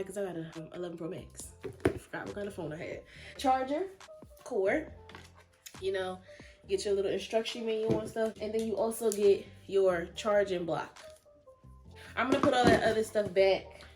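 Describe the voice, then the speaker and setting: A young woman chatting excitedly and a bit breathlessly while unboxing a new laptop for her vlog. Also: medium pitch, moderate pace, pauses often, over music. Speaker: vlogger.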